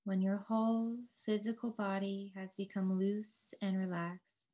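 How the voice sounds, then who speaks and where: Leading a guided relaxation, this yoga teacher speaks at a medium pitch in a soothing, calm, measured manner. She leaves long gaps between her phrases.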